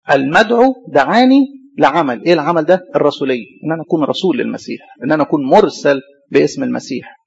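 Fast-talking husky Egyptian preacher. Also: male voice, a little high, dull audio. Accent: Egyptian Arabic. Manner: rhetorical questions answered himself. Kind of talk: sermon.

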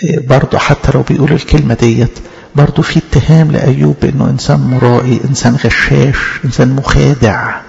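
A man with an Egyptian Arabic accent teaching scripture in an emphatic sermon, asking rhetorical questions and reading verses slowly. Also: medium pitch, steady tone, gravelly, darkish tone. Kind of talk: Bible study sermon. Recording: reverberant hall, dull lo-fi sound.

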